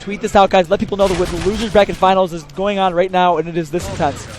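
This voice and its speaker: Fast, excitable young male esports caster. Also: sits high, background noise. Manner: excitable, erupts into shouts at big plays. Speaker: esports commentator. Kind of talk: live play-by-play commentary.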